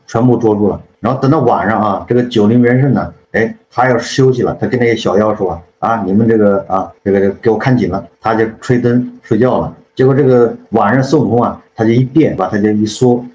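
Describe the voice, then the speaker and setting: A man's voice: on the low side, quick pace, hardly any pauses, darkish tone. A man casually retelling a classic story as a channel host, rambling and often correcting himself while checking in with the listener. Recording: roomy, dull lo-fi sound.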